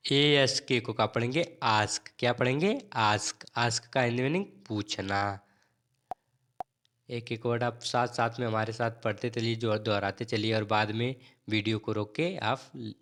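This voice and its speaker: Man slowly drilling English words. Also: medium pitch, fairly bright tone. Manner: spells words letter by letter, then repeats them slowly; asks and answers his own questions in a drilling rhythm. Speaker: English teacher. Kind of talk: spoken English lesson.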